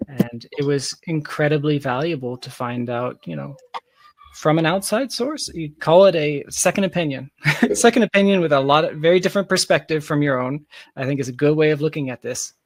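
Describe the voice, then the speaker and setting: Sitting in as an interview guest, this tech founder talks in a relaxed, thoughtful way and hunts for phrasing mid-sentence. His voice leans high, and the recording carries no echo.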